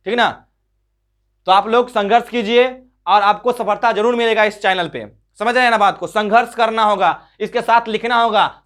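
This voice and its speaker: A man's voice: high-pitched, fairly bright tone. A man teaching a school exam lesson, repeatedly asking rhetorical questions and answering them himself while calling his listeners brother. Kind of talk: board exam chemistry lesson.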